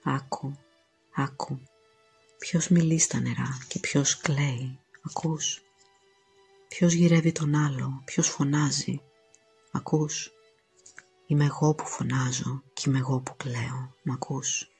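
Woman reading poetry, very husky, flat and even, hushed, soft music behind. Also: extremely low pitch. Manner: hushed, slow, intimate, drifting into whisper. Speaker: poetry reader.

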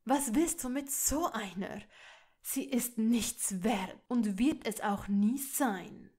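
A woman voicing a cold, haughty older male aristocrat in a fan fiction audiobook, loud and sneering. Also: fairly high pitch, slow.

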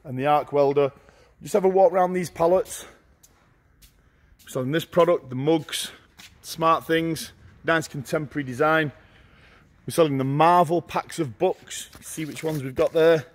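A middle-aged man walking through a large warehouse, listing auction lots in short, brisk phrases as he goes. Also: on the high side. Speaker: auctioneer giving a viewing tour. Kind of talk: walking tour commentary. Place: large indoor warehouse with shelving.

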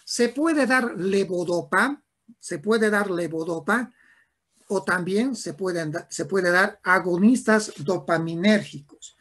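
A man lecturing on neurology to a class, who talks slowly, repeats himself and often checks "¿ya?". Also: high voice, a bit bright. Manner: slow, repetitive, with frequent restarts and checks of "¿ya?".

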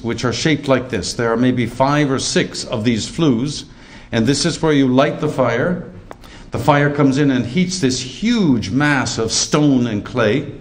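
An older man giving a lecture over slides, animated and emphatic, slowing right down to stress key points. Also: medium pitch.

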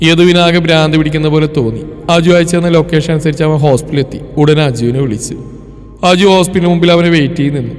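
A man's voice: on the high side, fairly even intonation, quick pace. Man narrating a story over music. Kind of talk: scripted narration. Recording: reverberant with background music.

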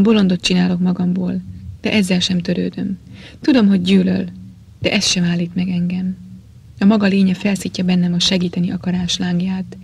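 A woman's voice: medium pitch, vocal fry, warm tone, breathy edge. A woman voicing a lovesick young woman who pleads breathlessly and fervently.

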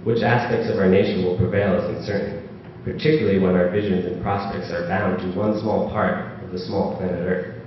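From the floor of a panel event in a large auditorium, a man with a low voice speaks briskly with fairly even intonation and hardly any pauses, hesitant with many ums, growing louder and rising when reading quotes aloud. The recording is dull and echoey from a distance, with slight background noise.

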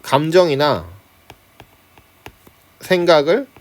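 A man teaching high school Korean literature from a class handout at home, in a conversational way that keeps checking in with his students. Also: slow pace. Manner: starts phrases with a prompting filler, chuckles now and then. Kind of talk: online lecture on a class handout.

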